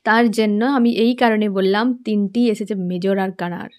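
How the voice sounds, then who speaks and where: Mellow-voiced woman doing a tarot reading. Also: mid-range voice, fairly even intonation, normal speed. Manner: chatty, addresses the viewer as friend, asks "understand?". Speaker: tarot reader. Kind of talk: casual tarot reading to camera.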